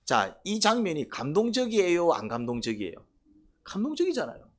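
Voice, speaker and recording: Korean pastor guy preaching, voice pitched a bit high and swinging all over, throws questions at the crowd. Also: fairly quick. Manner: lively preaching with rhetorical questions and acted-out quotes. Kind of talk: sermon.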